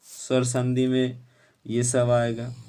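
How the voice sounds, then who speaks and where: A man teaching an exam-prep lesson, quizzing students and urging them to answer quickly. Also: mid-range voice, completely flat delivery, dark tone, smooth.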